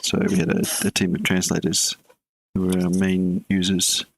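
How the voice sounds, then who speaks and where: A man with a low-pitched, gravelly voice streams live coding at a moderate pace. The game developer stays relaxed, muttering and thinking aloud while he works and chatting casually with his audience between code.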